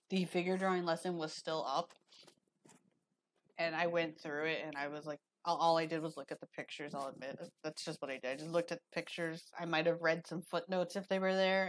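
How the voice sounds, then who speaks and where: A woman's voice: fairly low pitch, a little hiss or hum, low-quality recording. A woman streamer casually reading a drawing lesson aloud, with chatty, rambling asides.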